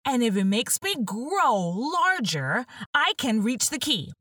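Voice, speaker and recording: A woman's voice: fairly high pitch, big pitch swings, slow, fairly bright tone, no echo, clean studio sound, recorded from a distance, full character voice. A woman voicing Alice, a curious, fretful little girl, in a storybook reading. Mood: musing.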